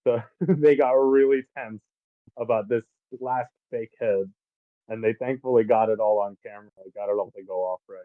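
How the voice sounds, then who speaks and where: With a fairly low, steady voice at normal speed, a man co-hosts a podcast, casually chatting about a film, recapping it and swearing once in a while. The sound has no room ambience, though his faulty mic comes across tinny and phone-like.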